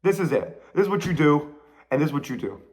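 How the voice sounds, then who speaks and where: A young man talks straight into his own podcast, blunt and profane, full of slang and repeated punchlines. His pitch leaps up and drops back down constantly, which keeps the rant lively. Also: fast talker. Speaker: podcast host. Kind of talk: casual solo podcast rant.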